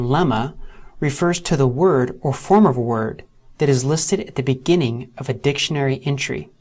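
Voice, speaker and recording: A man speaking in a mid-range voice delivers scripted narration for a screen-recorded software tutorial. He proceeds steadily and in order, step by step, dropping his pace sharply to spell out terms or letters.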